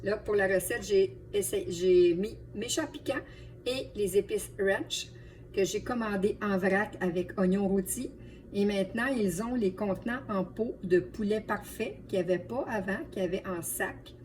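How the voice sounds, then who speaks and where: A woman's voice: medium pitch, normal speed, darkish tone. A woman with a Quebec French accent chatting to viewers as friends while giving a casual cooking demonstration as a home cook. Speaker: home cook and video host. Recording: distant mic, light background noise.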